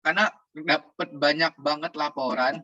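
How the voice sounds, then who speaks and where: A man's voice: on the high side, steady tone, moderate pace. A man talking casually as a guest over a remote video call, his voice breaking up and turning robotic over a bad connection. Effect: breaking-up online call connection, robotic glitches. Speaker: guest on an online talk show. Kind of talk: casual online chat. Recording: dull lo-fi call audio.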